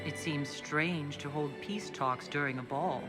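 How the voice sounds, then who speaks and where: An actress with a low voice and measured pace voices the female leader of a holy order in a video game, speaking directly and inquisitively in a questioning mood. The game dialogue plays over loud music.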